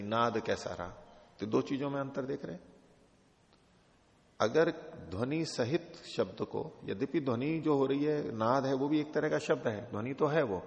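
A man's voice: medium pitch, vocal fry. A middle-aged man teaching a classroom lecture on an old text, patiently explaining with repeated examples. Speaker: teacher of philosophy texts. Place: teaching hall at an ashram. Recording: dull reverberant hall recording.

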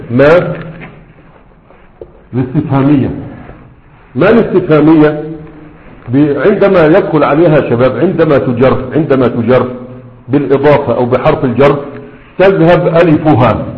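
A man with an Egyptian Arabic accent teaching a grammar lesson. He slows down to recite examples and keeps checking that the class follows him. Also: fairly high pitch. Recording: roomy hall echo, dull lo-fi sound.

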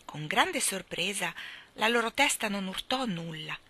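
Bright, expressive woman reading a children's story. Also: medium pitch, unhurried. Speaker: reader. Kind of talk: children's audiobook narration.

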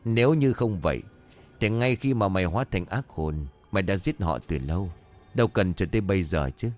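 A man voicing a greedy male sorcerer of dark arts, speaking in a calm, smug and mocking way. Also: deep voice, a little fast, soft background music.

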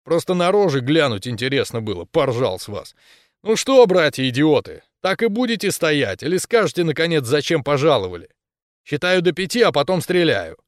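A man's voice: fairly high pitch, big pitch swings, moderate pace, no room sound, clean studio sound, pitched above the performer's own voice. A man reading an audiobook and voicing a rude, mocking recluse who keeps threatening with a shotgun. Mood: taunting. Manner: rude, taunting, loud. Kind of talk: audiobook character voice.

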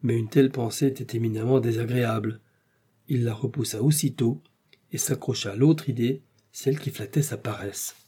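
A man narrating a classic novel in a steady, measured reading. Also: medium pitch, slightly rough. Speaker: audiobook narrator.

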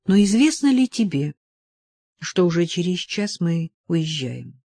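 A woman's voice: on the low side, sing-song, measured pace, dark tone, no room sound, studio quality, heavily acted. A woman reading the lines of a grave, restrained aging nobleman in an audiobook, speaking earnestly.

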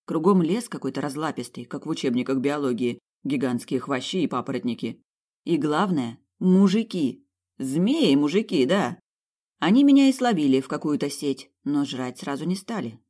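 Woman narrator, first-person comic fantasy audiobook, sarcastic and lively. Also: sits low.

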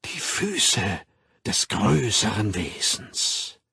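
A man voicing a deep, mysterious synthetic voice that speaks from above and intones its words solemnly. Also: sing-song, very slow, vocal fry, bright, forceful tone, slight background noise, full character voice. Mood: whispering. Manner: intoning, swelling to booms, sinking to whispers.

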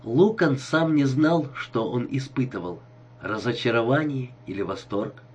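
A man narrating an audiobook in an expressive storytelling manner. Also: mid-range voice, a little slow, lo-fi sound, a little hiss or hum.

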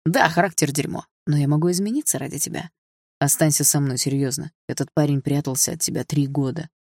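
Brief: female narrator doing a provocative rich young man, low voice, dry studio sound. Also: a little fast, a little mellow, no echo. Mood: smug. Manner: smug and teasing.

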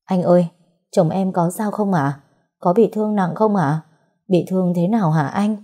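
Một phụ nữ đóng vai cô vợ trẻ hoảng hốt, nói nghẹn ngào, van nài. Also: female voice, fairly low pitch, moderate pace, dark tone, natural voice. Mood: pleading. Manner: pleading, breathless. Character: panicked young wife, tearful and pleading.

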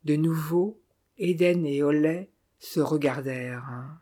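Mellow-voiced woman narrating a novel. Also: low voice, takes it slowly, breathy edge. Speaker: audiobook narrator. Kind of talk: scripted narration.

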